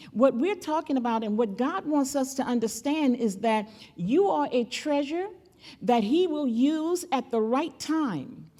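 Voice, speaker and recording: The guest speaker at this church service is an elderly great-grandmother whose voice sits high and sounds warm. In her sermon she speaks emphatically, calling on the audience and repeating key phrases.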